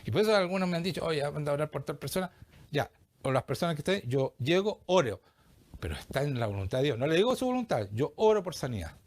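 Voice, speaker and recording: A man with a Chilean accent preaching a sermon, animated and often asking the congregation questions. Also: on the high side, fast. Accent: Chilean Spanish. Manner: animated, acts out quoted voices, asks the congregation questions.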